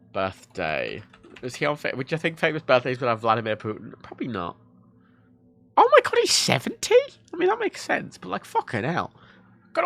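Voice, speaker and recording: A man's voice: a little high, pushed and bright, no echo. A man born in Ireland and raised in England, a drunk livestreamer rambling casually, swearing a lot and poking fun at himself. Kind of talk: casual rambling stream chat.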